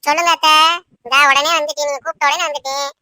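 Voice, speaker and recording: A woman's voice: high voice, steady tone, rapid-fire, sharp tone, dry recording. A woman voicing a put-upon young daughter-in-law in a cartoon, pleading and grumbling under her breath. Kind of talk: cartoon voice acting.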